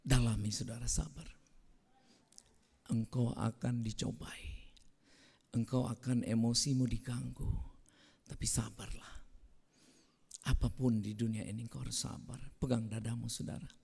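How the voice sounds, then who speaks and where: A man preaching a sermon, with a big voice that drops to hushed prayer. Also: mid-range voice, flat delivery, moderate pace, gravelly, husky. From North Sumatra. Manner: loud voice, swings from hushed prayer to fervent exhortation. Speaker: evangelist preacher. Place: church hall. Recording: reverberant church hall.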